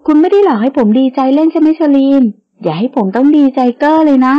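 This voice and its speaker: A woman's voice: high-pitched, expressive, fast talker, lo-fi sound. A woman reading an audio novel, voicing a wounded young sheikh who speaks to his wife in an intense, loving, earnest way. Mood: overjoyed. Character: young sheikh hero, wounded, devoted, teasing.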